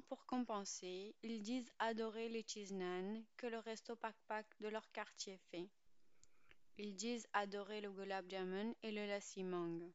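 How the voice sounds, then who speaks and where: A woman in her twenties from Pakistan, narrating a scripted podcast as host in a measured, literary storytelling manner. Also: mid-range voice, smooth, no echo, muffled recording. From Pakistan, living in France. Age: 20s.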